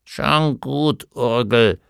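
A man voicing a grumpy old male gnome scholar in an audiobook, gruff and grumbling. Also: mid-range voice, drawn-out words, fairly bright tone, no room sound, clean studio sound, full character voice. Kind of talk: audiobook character voice.

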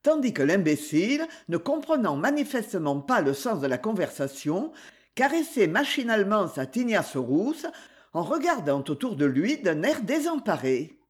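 A woman's voice: medium pitch, sing-song, normal speed. A woman narrating a classic mystery story in a scripted reading style. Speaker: audiobook narrator.

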